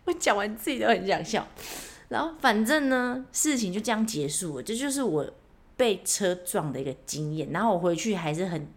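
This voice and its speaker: Young woman, podcast host, chatty, self-mocking, animated storytelling. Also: mid-range voice, normal speed. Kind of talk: casual solo storytelling.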